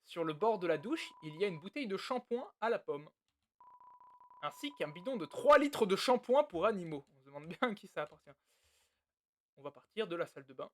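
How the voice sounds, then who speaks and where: A man's voice: high voice, sing-song, brisk, fairly bright tone. A man playing a video game, reading its text aloud with crude, joking, muttered asides. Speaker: let's play host. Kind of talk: casual game commentary and reading.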